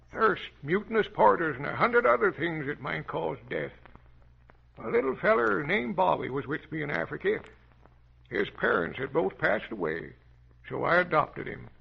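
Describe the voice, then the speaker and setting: A folksy old adventurer captain telling children his tales, with a raised, very gravelly voice. It comes through as an old radio show, muffled and lo-fi with a faint hiss behind it. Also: on the high side, heavily acted. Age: older. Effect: old radio show sound. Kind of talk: 1930s radio acting.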